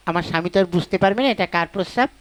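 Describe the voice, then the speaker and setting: A woman's voice: lowish voice, racing, lightly acted. A woman voicing a flustered, scheming village wife in a comic puppet play, fussing and talking to herself. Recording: music playing behind.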